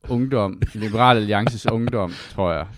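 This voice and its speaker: A man hosting a podcast, telling a lively story with many fillers in casual chat. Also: lowish voice, a little hiss or hum. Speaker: podcast host.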